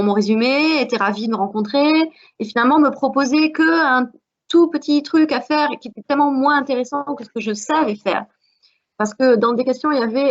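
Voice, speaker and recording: A woman from France with a French accent, speaking earnestly as a guest with many hesitations in a panel discussion. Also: a little high. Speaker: alumna guest. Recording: dull lo-fi audio.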